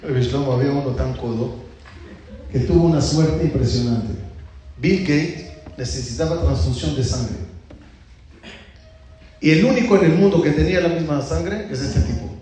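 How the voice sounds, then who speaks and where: Lively joke-telling man in an echoey hall. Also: moderate pace, long pauses, a little hiss or hum. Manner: lively storytelling that jumps high when acting out lines. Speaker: rabbi telling jokes. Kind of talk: humorous talk to an audience.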